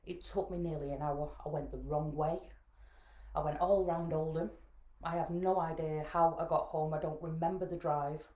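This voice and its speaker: A woman's voice: low-pitched, fairly even intonation, moderate pace, warm tone. A Northern English woman telling her own story to camera, plainspoken and frank with dry jokey asides. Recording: roomy echo.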